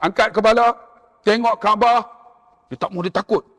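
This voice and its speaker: A male preacher with a Malaysian Malay accent telling a story in a sermon, animated and acting out the people in it. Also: high voice, normal speed, big-room sound. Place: mosque.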